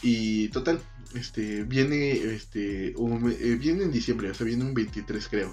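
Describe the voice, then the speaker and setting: A man's voice: medium pitch, slow, faint music behind. A young man with a Mexican Spanish accent, casually telling a story full of profanity and acted-out quotes. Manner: profane, slangy, animated retelling with acted quotes.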